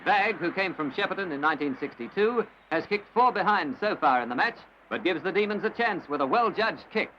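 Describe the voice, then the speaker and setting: High-voiced man in an old newsreel. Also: lively intonation. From Australia. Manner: brisk, formal announcer delivery. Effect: old newsreel recording. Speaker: newsreel commentator. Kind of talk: old newsreel sports commentary. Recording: dull lo-fi old film soundtrack with hiss.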